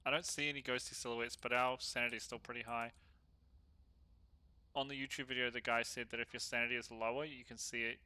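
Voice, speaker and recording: A man doing casual solo gameplay commentary, chatty and slangy as he thinks out loud. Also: medium pitch, flat delivery, fairly quick, clean tone, dry recording. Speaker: gaming streamer.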